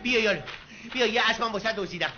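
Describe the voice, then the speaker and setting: An actor playing an anxious loyal village friend. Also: male voice, sits high, over music, natural voice. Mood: urgent. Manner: urgent, pressing. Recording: dull old film soundtrack with score.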